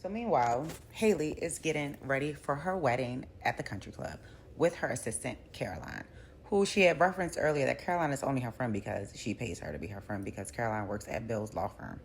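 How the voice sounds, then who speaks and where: A woman giving a casual episode recap as a reviewer, a lively storyteller who acts out the characters' lines. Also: rumbling low, a little fast, slight background noise. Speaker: TV show reviewer.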